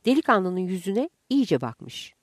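A woman reading a humorous story aloud with expressive narration. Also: mid-range voice, slow pace, dry recording, studio quality.

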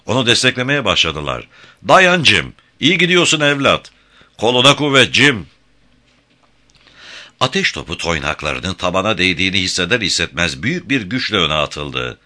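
A man reading a novel aloud as audiobook narration, expressive and voicing the characters. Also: sits low. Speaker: audiobook reader. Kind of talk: scripted narration.

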